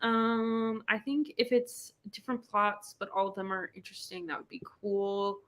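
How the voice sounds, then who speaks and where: With a medium-pitched, steady voice that is a bit bright, this book club live show host speaks at a moderate pace. She keeps her casual livestream playful and slangy, full of exclamations, and spells out internet abbreviations letter by letter.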